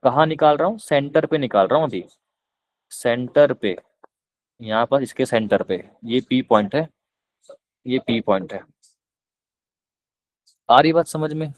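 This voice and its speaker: A man with a Punjabi accent teaching physics in a live online class, explaining slowly and repeating questions to his students. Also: mid-range voice, no room sound, poor audio. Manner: coaxing, repeats questions to students, calls them beta; slow, deliberate explanation.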